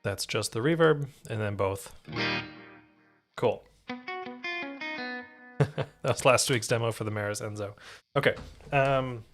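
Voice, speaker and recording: A man's voice: medium pitch, slow pace, pauses often. A man hosting a live stream, talking casually through a guitar pedal demo with loose, rambling explanations and self-corrections. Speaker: podcast host demoing guitar gear on a live stream.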